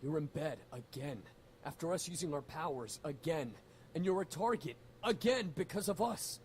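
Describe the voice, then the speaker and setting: A man's voice: on the high side, animated, moderate pace, slight background noise, natural voice, low-quality recording. An actor voicing a young male demon noble in a game, blunt and swearing casually, full of guilt and rebellion. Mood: guilt-ridden. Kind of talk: game voice acting.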